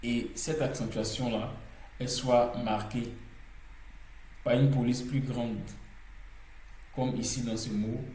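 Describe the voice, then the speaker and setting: A man's voice: mid-range voice, steady tone, takes it slowly, long pauses, darkish tone, reverberant, poor audio. A man teaching a language lesson in French, explaining pronunciation rules step by step with frequent hesitations, repeating words to drill them.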